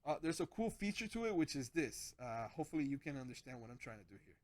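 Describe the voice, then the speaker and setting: A man's voice: mid-range voice, big pitch swings, fast talker, darkish tone. A man hosting a casual gadget vlog, rambling with lots of restarts as he explains his setup. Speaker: channel host.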